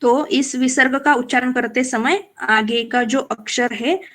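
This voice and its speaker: A woman leads a Sanskrit recitation lesson in a high, clear voice. She talks at an unhurried pace, stopping to explain and to ask whether her students understand. Between the explanations she chants verses slowly as examples. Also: steady tone, fairly bright tone. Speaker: Sanskrit teacher. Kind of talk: live online class, teaching verse recitation.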